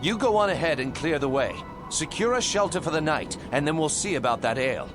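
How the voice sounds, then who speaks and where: A man's voice: a little high, lively intonation, a little fast, lightly acted. A man playing a proud, defiant human prince, speaking in an earnest, noble, declamatory way in a video game cutscene. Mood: friendly, resolute. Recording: loud music behind. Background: loud music.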